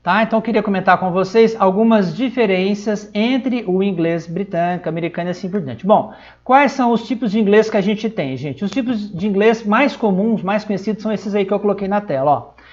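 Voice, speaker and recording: A man's voice: high-pitched, fairly quick, hardly any pauses, a little mellow, muffled recording. Chatty São man teaching online. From São Paulo, Brazil. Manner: chatty, checks in constantly with tag questions. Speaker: English teacher. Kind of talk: live-streamed online lesson.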